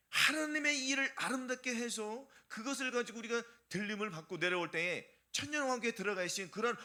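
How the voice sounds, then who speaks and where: A man's voice: high voice, sharp tone. A male pastor preaching a fervent sermon full of rhetorical questions to his congregation.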